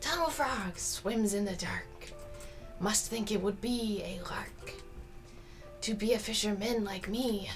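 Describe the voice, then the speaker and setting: A woman voicing an odd, brooding male fisherman in whispered role-play, with a breathy whisper and slow, hushed recitation. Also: medium pitch, close to an everyday voice. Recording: music playing clearly behind.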